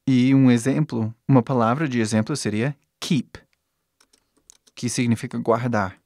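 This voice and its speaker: A man whose first language is English gives a language lesson in a calm, reassuring manner. He repeats each sound slowly so it can be heard clearly. The recording is dry and close, with no room sound. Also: medium pitch, no echo. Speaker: English teacher.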